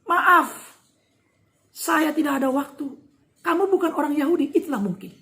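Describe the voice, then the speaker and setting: Curt, calm male teacher brushing off a plea , read in a woman preacher's own voice. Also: on the high side, a little slow. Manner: curt, dismissive. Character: Jesus answering curtly, a calm grown man.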